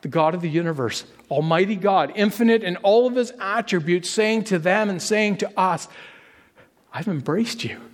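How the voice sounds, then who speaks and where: A man's voice: sits high, moderate pace, few pauses, big-room sound. A man preaching a sermon as a pastor, earnest and conversational, building up to emphatic peaks on key phrases.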